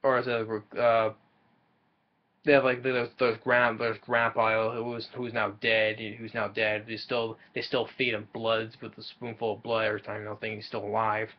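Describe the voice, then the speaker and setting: A man's voice: lowish voice, monotone, moderate pace, highs cut off. A young man casually recapping a film's plot from a small room, often stumbling and repeating words as he goes. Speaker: movie reviewer.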